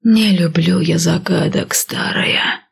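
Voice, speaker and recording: A woman's voice: fairly low pitch, slow pace, creaky, slightly rough, full character voice. A woman voicing an old male snake chief, stern, speaking in a hissing whisper.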